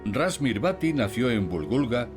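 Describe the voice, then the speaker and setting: A man hosting and narrating a travel documentary in a calm, curious way, asking his guests questions. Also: mid-range voice, unhurried. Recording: voice with background music.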